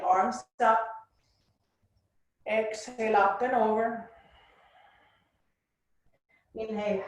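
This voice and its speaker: A woman leading guided yoga and meditation in a gentle, soothing way, with spacious phrasing. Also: mid-range voice. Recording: roomy, echoing space.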